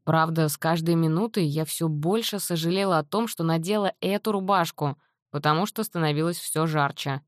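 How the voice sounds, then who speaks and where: A woman narrating a novel in the first person with a measured, wry reading. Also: deep voice, no echo, clean studio sound. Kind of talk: audiobook narration.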